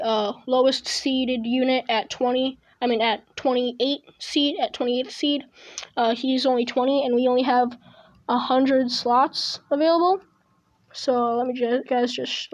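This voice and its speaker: A woman giving casual, rambling gameplay commentary at home, chewing gum, recorded through an earbud mic with many stops and restarts. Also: sits high. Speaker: gaming video host. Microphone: earbud headset mic.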